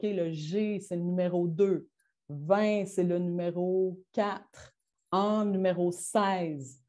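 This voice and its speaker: A woman's voice: medium pitch, warm tone. A woman with a Quebec French accent, a teacher presenting her classroom methods to colleagues in an informal, hesitant way with many fillers and restarts. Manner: self-described rushing delivery.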